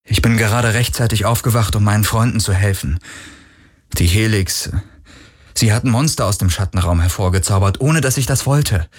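A man's voice: moderate pace, slightly rough. A man voicing a grieving but determined young hero in a German audiobook, speaking earnestly and with feeling. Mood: agitated. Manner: earnest and emotional, rising pitch.

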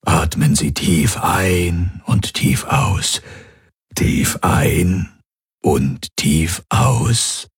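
A man voicing a calm male medic who gives slow, measured instructions. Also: deep voice, creaky, slightly rough, no echo, studio quality, exaggerated voice. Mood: soothing.

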